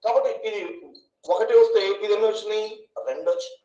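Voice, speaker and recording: Male teacher, high voice, patient questioning delivery; roomy, muffled lo-fi recording. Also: mellow. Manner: slow, questioning, drawing out each syllable. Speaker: English grammar teacher. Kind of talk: online classroom lesson. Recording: echoey room, dull lo-fi sound.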